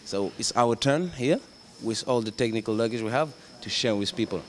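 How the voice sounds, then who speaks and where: A man's voice: medium pitch, moderate pace, slight background noise. A man in his thirties from Senegal, raised in the UK and France, answering interview questions as a Muay Thai coach, earnest and hesitant with many fillers and restarts, into a handheld mic in an indoor gym. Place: indoor gym, in front of a banner. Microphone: handheld microphone.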